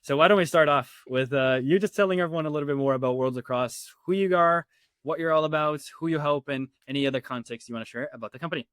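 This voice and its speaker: A man's voice: fairly high pitch, fast, a bit bright, no echo, clean studio sound. A man from Latin America hosting a podcast interview in a casual, conversational way. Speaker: podcast host.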